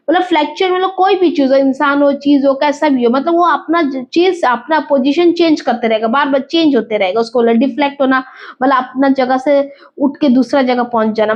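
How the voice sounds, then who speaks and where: A woman teaching an exam vocabulary lesson, explaining slowly, repeating words and asking and answering her own questions. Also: high-pitched, lo-fi sound. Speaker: English teacher.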